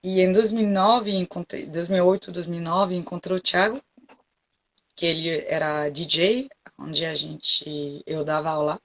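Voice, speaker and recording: A woman's voice: on the low side, fairly even intonation, normal speed, fairly bright tone. A French woman with a French accent, a forró dance teacher chatting frankly as an interview guest and often checking that she is understood. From France. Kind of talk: casual interview chat.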